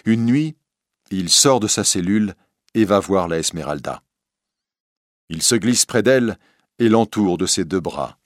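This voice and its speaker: A man narrating a storybook reading in a calm, measured way. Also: deep voice, dry recording, clean studio sound.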